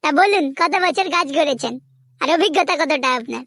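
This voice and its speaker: A woman's voice: high-pitched, expressive, brisk, gravelly, pushed and bright, exaggerated voice. A woman voicing a flustered interviewer at a shady business in a cartoon comedy, polite and stammering.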